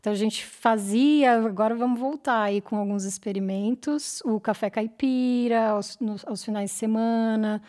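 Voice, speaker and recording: A woman speaking as a guest in a radio studio interview, talking in a relaxed, rambling way with frequent fillers. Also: fairly high pitch, moderate pace, hardly any pauses. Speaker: interview guest, cultural center member. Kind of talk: podcast interview.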